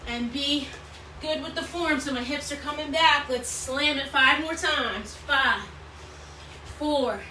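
A woman aerobics instructor with a very high voice leads a home workout in short, encouraging, repeated cues and counts. Her delivery is unhurried, and she sounds distant from the microphone in an indoor room. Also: sharp tone. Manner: encouraging, repetitive cueing while exercising. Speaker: fitness instructor leading a workout. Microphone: camera or phone several feet away. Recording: roomy, distant mic, clear background noise.

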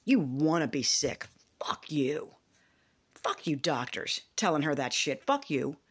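A woman's voice: deep voice, sing-song, unhurried, breathy edge. A woman in her fifties giving a rambling, emphatic self-help monologue, with frequent swearing. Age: 50s. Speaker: vlogger.

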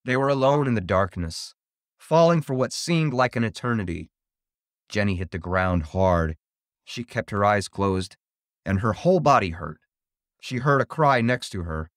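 A man reading a spooky children's story aloud, in an expressive, theatrical way. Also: lowish voice, normal speed, dry recording, studio quality.

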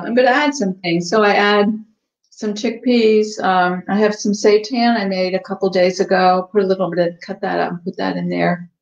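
A woman hosting a casual live cooking stream from a home kitchen, chatting with many ums and eating as she talks. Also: medium pitch. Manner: relaxed, chatty, many ums, tasting and eating while talking. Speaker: cooking show host. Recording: echoey, dull livestream audio.

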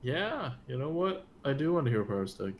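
Jet-lagged male streamer, gravelly, casual game chat. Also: medium pitch, big pitch swings, a little fast. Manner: tired, drowsy, yawning. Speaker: streamer playing a card game.

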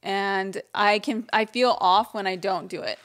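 A woman's voice: mid-range voice, a little slow, fairly bright tone. Playful woman podcast co-host. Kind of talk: casual podcast chat. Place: home studio, indoors. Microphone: desk mic on a stand.

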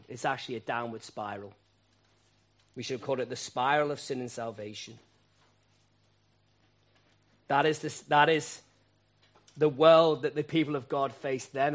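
A man preaching a sermon, asking rhetorical questions and repeating key phrases, moving between quiet asides and loud emphatic peaks. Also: mid-range voice.

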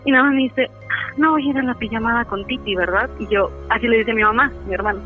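Over a tinny phone line with background music, a woman calls in to share a story. Her voice is fairly high, steady in tone and fast, and she chats casually with lots of fillers like "este".

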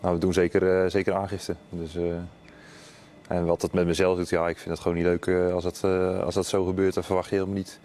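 A police officer calmly explains an arrest, with many hesitations. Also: male voice, sits low, fast, a little hiss or hum. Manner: calm, hesitant, many fillers. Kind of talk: interview statement.

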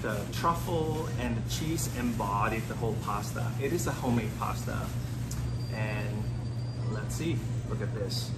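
A man in his forties vlogging a meal in a small restaurant, enthusiastic and savoring every bite. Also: lowish voice. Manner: enthusiastic, savoring food with drawn-out exclamations. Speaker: food vlogger. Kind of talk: casual food vlog. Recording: restaurant noise behind.

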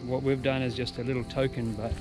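A man's voice: medium pitch, level tone, fast talker, music in the background, rough recording. Earnest plain-spoken New man. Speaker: sailing vlogger. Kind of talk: casual vlog narration.

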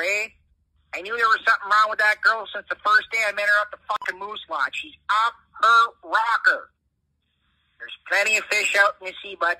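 A man's voice: high-pitched, sharp tone, full character voice, poor audio. A man voicing a blunt, folksy, foul-mouthed Canadian uncle leaving a comedic voicemail, heard through a phone speaker. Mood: consoling, blunt. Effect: phone voicemail playback. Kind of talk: comedic phone message monologue.

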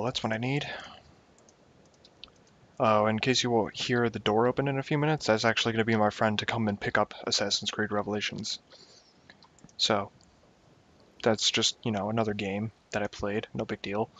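A man's voice: on the low side, a bit bright. A young man giving casual gameplay commentary at home, rambling and joking at himself as he plays. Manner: rambling, self-mocking, talks to himself while playing. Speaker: gaming YouTuber. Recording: dull lo-fi home recording.

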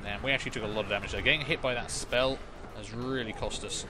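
A man's voice: medium pitch, steady tone, fast, background noise. A man giving casual gameplay commentary while he plays. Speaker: let's play host. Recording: loud game music and sound effects behind. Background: loud game music and combat sounds.

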